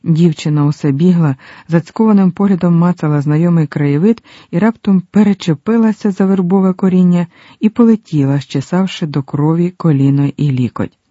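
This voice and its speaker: Dark-voiced male audiobook narrator. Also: fairly high pitch, fairly quick, dry recording. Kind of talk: scripted narration. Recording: dull dry audiobook recording.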